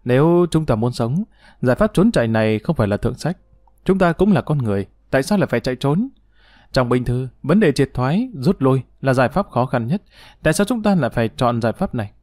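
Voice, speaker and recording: A man's voice: medium pitch, expressive, fast talker, darkish tone, no room sound, clean studio sound, natural voice. A man voicing a jovial, assured hero. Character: confident young man, calm leader, jovial.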